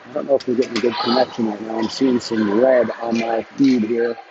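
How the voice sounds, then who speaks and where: A man doing live hockey play-by-play commentary in quick, clipped calls that jump up on shots. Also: mid-range voice. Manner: rapid clipped calls, bursts of excitement on shots. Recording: dull lo-fi stream audio with noise.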